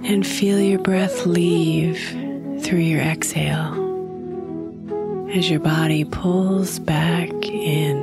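A woman guiding a meditation in a soft, hushed voice that nears a whisper, with gentle, unhurried phrasing and long pauses. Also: lowish voice, steady tone, gravelly. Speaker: meditation guide. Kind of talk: guided meditation, slow and soothing. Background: music.

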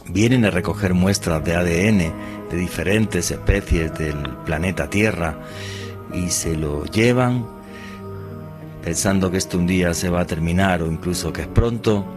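A man hosting a night-time mystery show, asking questions and musing in a measured way. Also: low-pitched, over music. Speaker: radio host.

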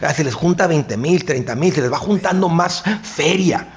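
A man's voice: a little high, moderate pace, lo-fi sound. A man, a finance guest giving advice in casual radio talk, acting out buyers and sellers. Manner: animated, acts out buyers and sellers.

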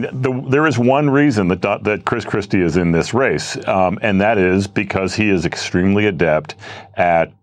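Deep-voiced man, hesitant, dry sound. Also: no echo. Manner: hesitant, many fillers and restarts. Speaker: journalist guest. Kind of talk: studio political commentary.

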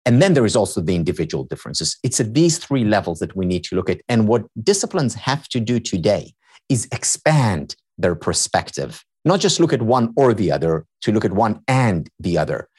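As a guest on a podcast, a happiness researcher and teacher who first spoke Hebrew gives explanatory interview talk, lecturing and repeating to develop each point. His lowish voice is very animated, moderately paced, a little mellow and slightly rough.

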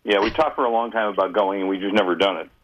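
A man's voice: on the low side, very fast, a little hiss or hum. A male co-host calling into a radio show by phone. He sounds hollow and echoing, as if he were in a tunnel, and he gives short, easygoing replies. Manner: relaxed, agreeable, brief replies. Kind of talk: casual radio chat. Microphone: phone call. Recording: muffled distant phone line.

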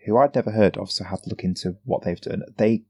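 A man's voice: fairly low pitch, fast talker, darkish tone, slightly rough. A man in his thirties, co-hosting a casual games podcast and explaining a game at length. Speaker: podcast co-host.

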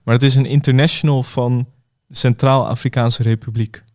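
A man on a podcast panel speaking in an ordinary mid-pitched voice. He lays out his choices calmly, one at a time, in a relaxed conversational tone. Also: normal speed. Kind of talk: casual chat.

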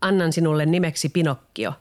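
A man's voice: on the high side, slight background noise, lightly acted. Man voicing a kind old carpenter. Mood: fond. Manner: warm, proud. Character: kindly poor old carpenter father.

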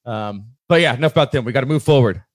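A man's voice: mid-range voice, fast, no room sound. Male podcast host, casual and profane, dry close-mic sound. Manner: swears casually, relaxed and joking. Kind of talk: casual chat and sponsor reads.

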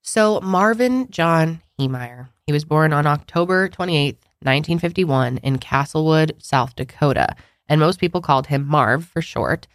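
A young woman co-hosts a podcast, chatting casually and narrating a story, her voice nasal and scratchy from a cold. It sits low with lively intonation at a measured pace, and the studio sound is clean with no room sound.

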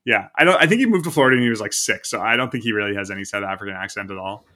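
Rapid-fire and expressive, a man with a lowish, pushed, bright voice co-hosts a podcast. He talks football in a loose, rambling style full of fillers.

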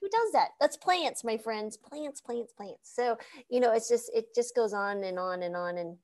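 A woman in her fifties hosting a casual interview, bubbly and quick to laugh. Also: a little high, a little mellow. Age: 50s. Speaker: host.

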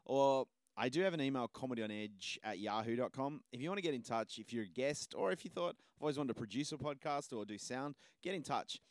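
A man's voice: mid-range voice, animated, fast, hardly any pauses, dry recording. A man hosts a podcast in a loose, rambling way. His voice is dry and close, with no room around it. He talks casually and pokes fun at himself. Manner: self-deprecating, rambling. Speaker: podcast host.

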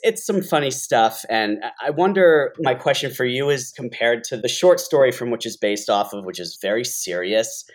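A man's voice: mid-range voice, expressive, moderate pace, hardly any pauses. A man co-hosting a podcast, chatting casually about films, hedging his opinions and often saying "you know". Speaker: podcast co-host. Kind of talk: casual film discussion.

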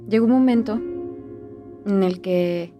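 A woman with a Mexican accent recounting a personal ghost story, speaking softly and often trailing off into a quiet voice. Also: medium pitch, a little slow, dull audio. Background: music.

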